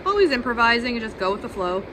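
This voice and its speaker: A woman's voice: a little high, big pitch swings, quick pace, background noise. A woman co-hosting a kayaking vlog, telling in vivid detail how she fell into a river. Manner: vivid, detailed retelling of a mishap. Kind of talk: casual storytelling.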